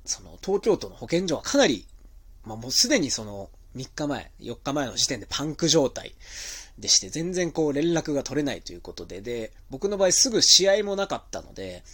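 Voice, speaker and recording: Nasal, husky-voiced man chatting solo. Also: mid-range voice, very animated, fairly quick, fairly bright tone. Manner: chatty, rambling, with many fillers. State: stuffy nose, a bit nasal while recovering from illness. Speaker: pro wrestler hosting his own audio talk show. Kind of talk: casual solo monologue.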